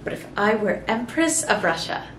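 A woman in her twenties acting a proud, bold young woman in a deliberate, challenging classical stage monologue. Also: medium pitch, animated, fairly bright tone, close to an everyday voice. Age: 20s. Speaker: actor. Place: small plain-walled room indoors. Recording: roomy echo, clear background noise.

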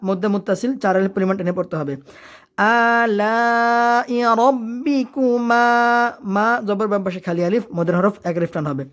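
A woman teaching tajweed. She alternates rapid spoken explanations with slow, drawn-out chanted recitation of verses. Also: mid-range voice, darkish tone.

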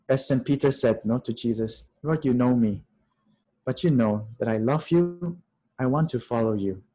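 A priest in his fifties gives a spiritual talk over a webcam from a small room. He speaks reflectively, asking many questions and laughing softly now and then. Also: mid-range voice, poor audio. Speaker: priest giving a retreat talk. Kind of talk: spiritual talk to an online audience. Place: small room, in front of a plain wall. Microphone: webcam on a video call.

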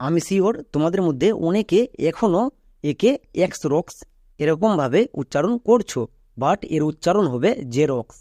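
A man teaching English pronunciation, explaining rules step by step and checking with quick questions. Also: on the high side, warm tone, dry recording, clean studio sound. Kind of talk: explanatory lesson, addressing viewers directly.

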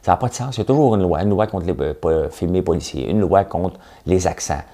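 Gravelly, deep Québécois man. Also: quick pace, mellow. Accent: Québécois French. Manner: chatty, sarcastic, mimics voices. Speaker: podcast host. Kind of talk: casual opinion monologue.

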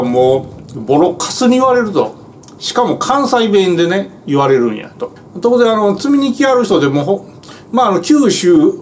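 A man's voice: sits high, a little hiss or hum. A man with a Kansai accent, a truck driver rambling through a casual monologue to viewers with lots of fillers. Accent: Kansai Japanese. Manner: rambling, filler-heavy storytelling in broad dialect. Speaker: truck driver telling stories.

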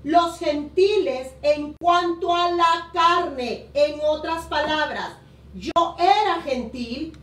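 Middle-aged woman pastor, Honduran-born, unhurried emphatic sermon delivery; high pitch, webcam in a roomy space. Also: fairly bright tone. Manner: emphatic preaching, stretching key words slowly. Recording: roomy echo, voice a bit distant.

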